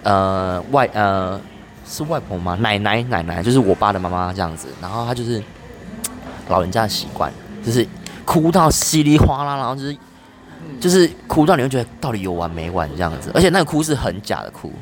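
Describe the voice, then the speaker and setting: A young man hosts a casual podcast chat. He talks quickly, and his pitch jumps around as he tells stories. The result is lively and animated. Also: slight background noise. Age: 20s. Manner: animated, fast storytelling with laughs. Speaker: podcast host.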